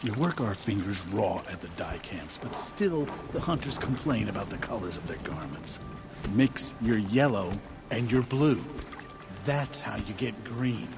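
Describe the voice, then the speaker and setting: A man's voice: on the low side, animated, unhurried, vocal fry, over music. A man playing a weary older cloth dyer in a video game, grumbling to himself in exasperation. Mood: exasperated, grumbling. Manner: grumbling, muttering to himself, sighing. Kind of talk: video game ambient character dialogue.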